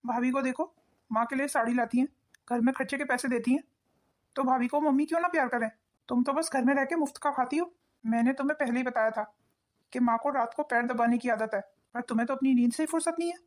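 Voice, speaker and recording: A woman voicing a husband in a cartoon, talking in a quick, lecturing manner. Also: sits high, natural voice. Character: husband, a grown son of the family.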